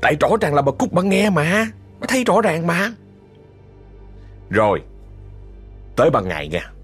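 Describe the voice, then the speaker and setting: A man's voice: a little high, big pitch swings, normal speed, a bit bright, slightly rough, soft background music. A man with a Southern Vietnamese accent telling a ghost story in a chatty way, often speaking straight to his listeners. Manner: chatty, addresses listeners directly. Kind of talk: told horror story.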